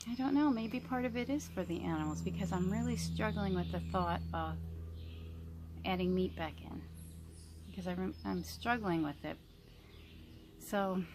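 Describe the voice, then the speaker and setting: A woman in her early fifties chatting casually to viewers as a vlogger, rambling reflectively and pausing mid-sentence. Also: on the low side, a little hiss or hum. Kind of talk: casual chit-chat mukbang vlog.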